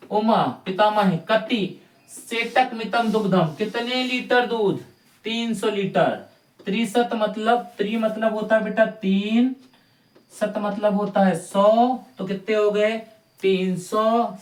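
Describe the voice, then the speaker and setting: High-voiced man teaching in an echoey room. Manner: sings, acts out characters, addresses students as beta. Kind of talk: storytelling lesson.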